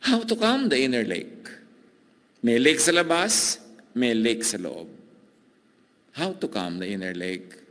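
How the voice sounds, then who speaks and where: A man preaching a sermon, mixing Tagalog and English, with emphatic, drawn-out phrases and dramatic pauses. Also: medium pitch, very animated, fairly bright tone. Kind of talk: Taglish sermon teaching. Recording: long reverb, hall-like.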